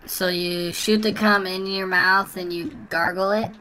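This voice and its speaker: Speaking slowly in a high, sharp, level voice, a prank gaming host uses a voice changer to become a trash-talking little kid who taunts others in online chat. The recording is rough, with a slight hiss or hum.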